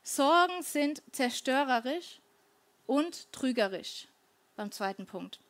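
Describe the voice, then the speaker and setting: A woman with a high, light voice gives a devotional talk. She speaks earnestly and conversationally. She often asks her listeners directly whether they know the feeling. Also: lively intonation, takes it slowly.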